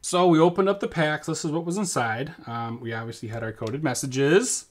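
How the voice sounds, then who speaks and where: At home, a father in his thirties with a slightly high voice chats at normal speed with his son as they open trading card packs. He's playful and jokey, slipping into silly sing-song bits.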